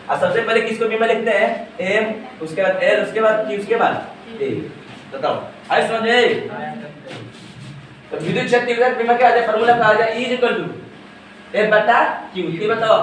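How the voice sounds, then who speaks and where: A man's voice: high-pitched, a bit bright, slight background noise. A male physics teacher lecturing a class, asking questions and repeating the answers to drill them in. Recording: echoey room, voice from far off.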